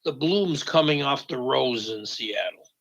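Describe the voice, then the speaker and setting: Radio sports host guy, mid voice, short measured takes. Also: mid-range voice, animated, a bit bright, highs cut off. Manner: measured, brief, leads the segment.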